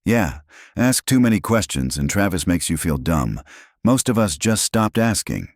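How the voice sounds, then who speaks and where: A man voicing a weary young woman coworker of about twenty in a story reading, speaking in a hushed, confiding way. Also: low voice, very animated, moderate pace, no room sound, clean studio sound, voice pushed up, full character voice. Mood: resigned.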